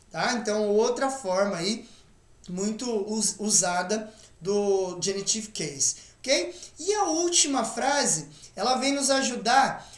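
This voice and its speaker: A Brazilian woman teaching an online English lesson at an unhurried pace, with a slightly high voice. She explains each point patiently and keeps checking in with the learner. The sound is roomy and echoey. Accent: Brazilian Portuguese. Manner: patient, explains step by step with frequent check-ins.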